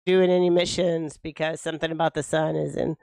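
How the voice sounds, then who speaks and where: A woman's voice: sits low, little pitch movement, brisk, vocal fry, a little mellow, smooth, no echo, clean studio sound. A woman in her late fifties co-hosting a casual couch chat, agreeing and prompting to keep going. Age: 50s. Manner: agreeable, prompting, many mm-hmms. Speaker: co-host.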